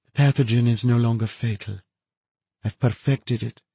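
A man voicing a feverish, unhinged woman scientist who gloats in a high, breathy, lilting voice. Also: steady tone, normal speed, mellow, dry recording. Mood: gloating.

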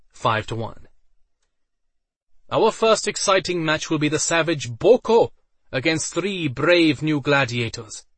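A man voicing a flamboyant male arena master who hypes the crowd in a booming, theatrical voice. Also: dry recording. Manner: booming, theatrical announcer cries.

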